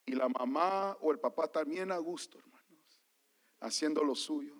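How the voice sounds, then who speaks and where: A man preaching a sermon as a pastor, switching between Spanish and English and calling out to the congregation, quiet one moment and shouting the next. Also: on the high side, moderate pace. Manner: swings from quiet to loud, shouting at peaks. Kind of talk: bilingual sermon. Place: church.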